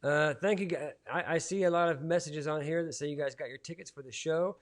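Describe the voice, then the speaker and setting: Co-hosting a casual live-streamed cooking show in his home kitchen, a man in his forties keeps things relaxed and chatty while reading viewer comments. He speaks fairly quickly, his voice on the high side.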